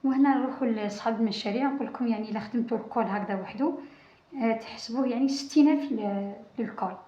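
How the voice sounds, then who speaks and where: A woman with an Algerian Arabic accent explains crochet steps as she works, often restarting a phrase or counting aloud. She talks quickly and casually. The recording sounds roomy and a little dull. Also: a little high, warm tone. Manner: talks while working, many restarts and counting. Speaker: crochet channel host.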